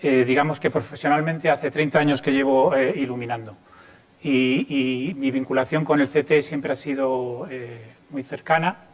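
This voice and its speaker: A man in his fifties, from Chile, giving an informal talk to students, pausing often with fillers and restarts. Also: medium pitch, fairly even intonation. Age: 50s. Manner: hesitant, many fillers and restarts. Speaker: lighting designer giving a talk.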